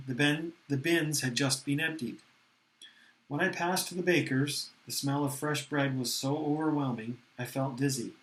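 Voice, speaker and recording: A man narrating a novel aloud in the first person, with a steady, earnest reading manner. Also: fairly high pitch, low-quality recording.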